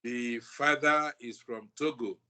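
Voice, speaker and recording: Bright-voiced Nigerian male guest. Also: mid-range voice, takes it slowly. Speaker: guest, brass band musician. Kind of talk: interview guest chat.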